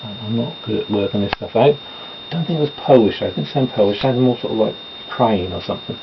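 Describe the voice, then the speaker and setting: At home doing his makeup, a man chats in a casual, meandering way, tossing in self-deprecating asides. His voice is fairly low, fast, and creaky. The home recording is dull, lo-fi, and noisy.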